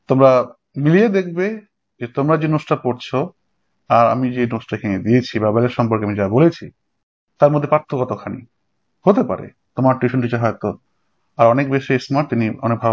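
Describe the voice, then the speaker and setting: A man's voice: mid-range voice, fairly quick, pauses often. A male teacher giving a recorded lecture, explaining step by step and checking in with students. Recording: dull lo-fi sound.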